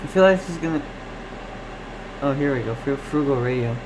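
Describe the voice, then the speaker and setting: Reading and replying to comments, a man from Canada hosts a casual live stream as a radio hobbyist, rambling and distracted as he thinks aloud. His mid-range voice moves fairly quickly over background noise.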